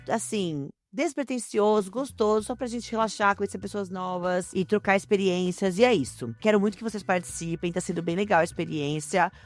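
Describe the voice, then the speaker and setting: A woman with a Brazilian accent hosting a podcast in casual, slangy, chatty talk, her voice hoarse and stuffed up with a cold. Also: medium pitch. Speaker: podcast host.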